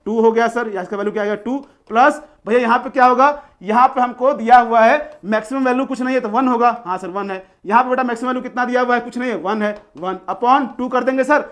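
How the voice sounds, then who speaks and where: A man's voice: extremely high pitch, steady tone, quick pace, few pauses, a bit bright. A man teaching a live online class, coaxing and repetitive, freely mixing English phrases into his explanations. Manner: coaxing, repetitive, mixes English phrases, calls students "beta". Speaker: online tutor.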